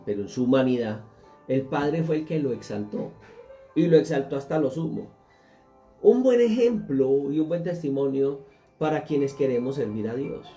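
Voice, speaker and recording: A man's voice: medium pitch, mellow. A man, a pastor, teaching a Bible class and speaking earnestly, putting questions straight to his listeners.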